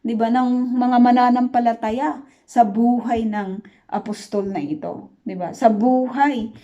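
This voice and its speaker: A woman teaching a Bible study in an earnest preaching style. She keeps checking in with her listeners, mixes English words into her talk, and slows down to stress key lines. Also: on the high side, steady tone, warm tone. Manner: earnest, asks listeners "di ba?" again and again. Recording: dull lo-fi sound.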